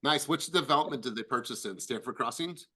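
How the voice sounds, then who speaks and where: A man's voice: medium pitch, brisk, sharp tone, slightly rough. A man hosting a team meeting over a video call, upbeat and congratulatory as he calls on agents.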